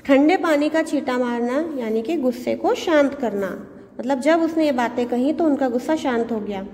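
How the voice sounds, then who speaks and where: A woman's voice: sits high, normal speed, a little mellow. A woman teacher reading a textbook story to students and stopping to explain difficult words. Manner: explanatory, glosses hard words. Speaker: school teacher. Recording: long reverb, faint background noise.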